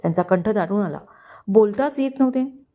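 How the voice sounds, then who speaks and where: A woman's voice: mid-range voice, moderate pace. A woman storyteller reading a romantic family story aloud in scripted narration. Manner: even, expressive storytelling.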